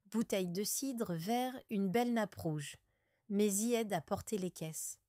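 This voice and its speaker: Woman audiobook narrator, deliberate and clear, slow learner pacing. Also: medium pitch, mellow, dry recording, studio quality.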